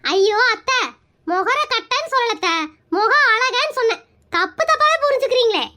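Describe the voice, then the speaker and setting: A woman's voice: extremely high pitch, lively intonation, normal speed, sharp tone, heavily acted. A woman voicing a cheeky young daughter-in-law in a cartoon skit, teasing and sarcastic.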